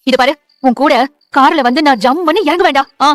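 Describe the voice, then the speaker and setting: A woman's voice: high-pitched, a little fast, natural voice. An actress playing a loving mother who reassures and encourages her grown son in a TV serial. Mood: tender. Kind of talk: TV serial acting.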